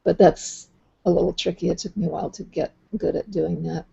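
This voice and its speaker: A woman hosting a video call, patiently explaining how the software works and thinking aloud as she goes. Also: on the low side, fairly even intonation, a little fast, vocal fry, slightly rough. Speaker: host. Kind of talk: casual explanatory chat. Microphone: computer mic on a video call. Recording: dull lo-fi online call audio.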